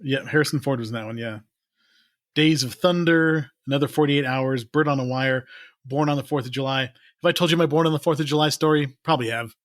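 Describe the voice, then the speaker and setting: Laughing, rambling podcast host. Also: male voice, mid-range voice, fairly quick, no echo, clean studio sound. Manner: rambling, laughs often, many restarts. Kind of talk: casual chat.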